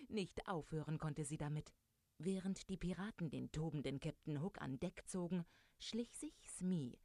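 A woman reading a children's adventure story aloud, lively and speaking directly to young listeners. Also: sits low, no room sound.

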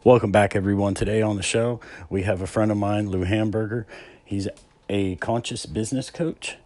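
A man's voice: low voice, a little mellow, rough recording. A male podcast host who introduces his guest and chats in a laid-back, encouraging way. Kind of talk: casual interview chat.

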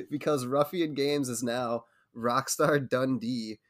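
A man's voice: medium pitch, slow. A man hosting a gaming news podcast, upbeat, reading out stories and laughing often. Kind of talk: casual chat.

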